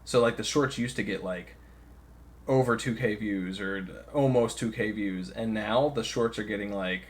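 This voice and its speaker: A man's voice: lowish voice, moderate pace. A young man co-hosting a podcast, talking loosely in casual chat, swearing freely and laughing often. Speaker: podcast co-host.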